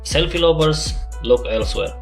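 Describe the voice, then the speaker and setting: A man's voice: on the high side, lively intonation, moderate pace, vocal fry, soft background music, rough recording. Man with a Russian accent reviewing tech.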